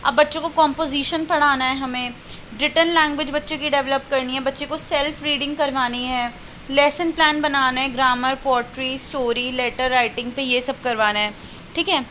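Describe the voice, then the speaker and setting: High bright-voiced woman tutor. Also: steady tone, a little hiss or hum, low-quality recording. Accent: Indian. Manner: explains step by step, reads questions aloud slowly, often adds a checking "ठीक है". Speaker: teacher-training tutor. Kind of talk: exam-prep lecture.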